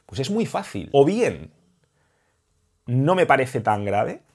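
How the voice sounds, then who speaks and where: A man's voice: mid-range voice, very animated, takes it slowly, darkish tone, breathy edge. A young man with a Spain Spanish accent, a dating coach talking straight to camera in an emphatic, heated and repetitive vlog monologue.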